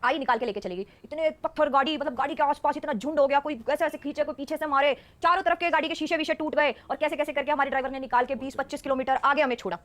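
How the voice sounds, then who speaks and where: Fast, high-voiced woman. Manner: animated storyteller who often laughs mid-sentence. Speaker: stage dancer and performer, podcast guest. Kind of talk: casual storytelling interview.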